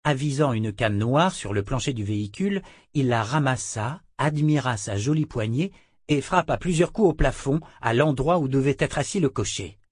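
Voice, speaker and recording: A man reading a fantasy novel aloud as narrator, measured and steady. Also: mid-range voice, slightly rough, no echo, clean studio sound. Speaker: audiobook narrator. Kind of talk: scripted narration.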